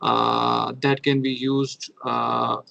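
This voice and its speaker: Male team member, flat and rough-voiced, halting, distant muffled audio. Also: mid-range voice, a little hiss or hum. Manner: halting, many fillers. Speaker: team member asking questions. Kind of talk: questioning on a call.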